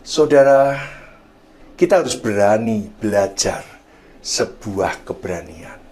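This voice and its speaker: A middle-aged man preaching a sermon, telling a story and often addressing listeners as brothers and sisters, his phrases trailing off softly. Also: lowish voice, expressive, takes it slowly. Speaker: pastor.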